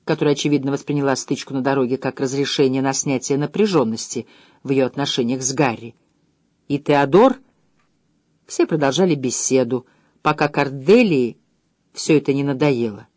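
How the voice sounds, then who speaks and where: A woman reading a mystery novel aloud in a measured, calm storytelling manner. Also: a bass voice, no room sound. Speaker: audiobook reader. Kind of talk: scripted narration.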